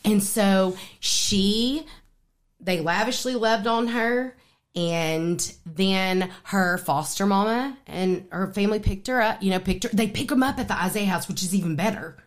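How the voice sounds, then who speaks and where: A woman on a faith-based radio program, talking casually and excitedly about her ministry with plenty of fillers. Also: medium pitch, a little slow. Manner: excited and animated, lots of fillers. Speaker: ministry guest. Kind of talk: casual interview conversation.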